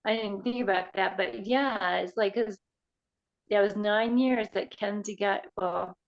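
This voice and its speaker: Woman host, mid voice, chatty and halting, muffled lo-fi sound. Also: mid-range voice, fairly even intonation. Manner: chatty, halting, many "um" and "yeah". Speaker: podcast host. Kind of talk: casual chat. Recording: dull lo-fi audio.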